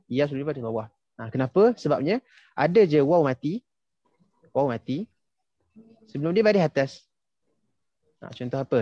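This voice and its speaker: This young Malaysian tajwid teacher gives casual online instruction, patiently testing his students and using "ha" and "okey" as fillers. His voice is mid-range with a dark tone, recorded lo-fi with no echo.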